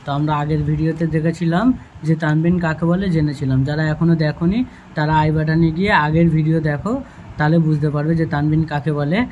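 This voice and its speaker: A teacher giving a Quran reading lesson, patiently repeating letter sounds and drawing out words slowly. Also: mid-range voice, flat delivery, mellow, highs cut off, a little hiss or hum. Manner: slow drawn-out chanting of prayers and words.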